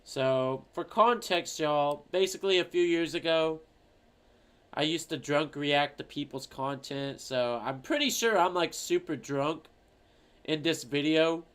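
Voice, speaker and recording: A man's voice: a little high, a little slow, fairly bright tone, clean tone. Rambling man swearing through a reaction stream. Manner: rambling, profane, lots of fillers. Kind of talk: casual reaction commentary.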